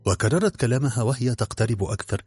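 A man narrating a detective drama in an expressive, measured storytelling manner. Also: medium pitch, slightly rough, faint music behind.

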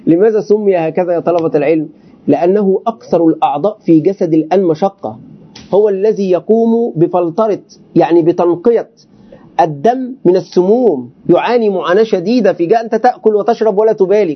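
A man's voice: high voice, husky. A sheikh lectures a class on a classical text. He stops often to explain words and put questions to his students. The recording sounds dull and lo-fi. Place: teaching session with students present.

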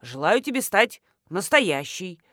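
A woman's voice: mid-range voice, very animated, normal speed, dry recording, clean studio sound, close to an everyday voice. A woman voicing a pompous, stout male colonel who fumbles words and barks orders. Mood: bumbling proposal. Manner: bossy, fumbling, shouting orders.

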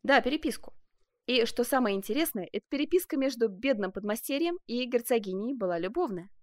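A woman reading a composed male artist who stays cool while others rage. He speaks in a measured, polite way, and the reading sits in a dry, close sound. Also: fairly high pitch, lively intonation, darkish tone, no room sound, voice pushed up, close to an everyday voice. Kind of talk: audiobook character voice.

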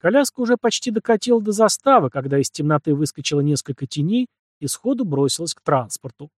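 A man narrating an audiobook in a measured, dramatic storytelling manner. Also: a little high, sing-song, a little mellow, no room sound, studio quality.

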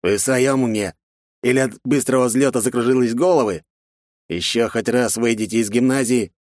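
A man voicing a stern, bossy, middle-aged male academy director in an audiobook, barking and scolding with drawn-out emphasis. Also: medium pitch, a little mellow, dry recording, studio quality, voice pushed up, close to an everyday voice. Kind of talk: audiobook character voice.

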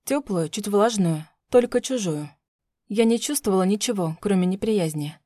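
A woman narrating a first-person audiobook in a calm, even storytelling voice. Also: mid-range voice, moderate pace, dry recording, clean studio sound.

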